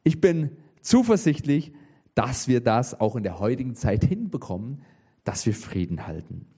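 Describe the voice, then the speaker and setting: A man preaching a sermon, with lively emphasis and frequent rhetorical questions to the congregation. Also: mid-range voice, moderate pace, breathy edge.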